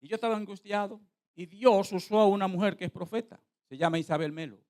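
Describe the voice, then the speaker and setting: A middle-aged pastor preaching a sermon in a voice pitched high for a man. He tells his story with animation, slipping into hushed asides and then climbing to loud, ringing proclamations. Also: fast talker.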